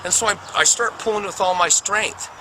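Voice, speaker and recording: A middle-aged man telling his own near-death story as a personal testimony, animated and dramatic, with spoken sound effects. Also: high-pitched, normal speed. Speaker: speaker recounting a near-death experience. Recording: noticeable background noise.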